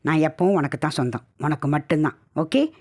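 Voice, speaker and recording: A woman's voice: low voice, lively intonation, fairly quick, darkish tone, slightly rough, dry recording, clean studio sound. A woman voicing a loving, playful young husband in a spoken horror story. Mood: comforting. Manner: playful, coaxing.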